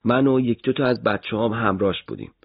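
A man's voice: medium pitch, husky, dry recording, narrow, tinny audio. A man voicing a frightened young male detainee who pleads and stammers out denials. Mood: confessing.

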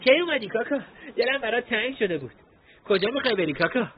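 A man voicing a bossy, hot-tempered thirteen-year-old boy in an audiobook story, speaking in fast boyish bursts. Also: extremely high pitch, lo-fi sound, voice pushed up. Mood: excited.

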